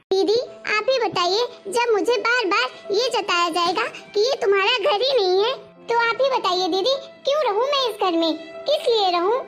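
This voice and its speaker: A defiant young daughter-in-law , played by a woman complains sharply in an animated family story. Her voice is very high. Faint music plays behind. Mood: aggrieved.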